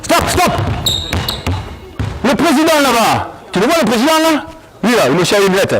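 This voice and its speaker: A male basketball coach running an on-court session, explaining drills and barking quick commands at players. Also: extremely high pitch, big pitch swings, rough recording.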